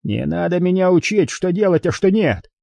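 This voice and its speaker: Guy reading a snarling mob boss, menacing, pitched up, lively delivery. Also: normal speed, gravelly, slightly rough, no echo, clean studio sound, full character voice. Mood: snarling, threatening. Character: ruthless middle-aged male London gang boss.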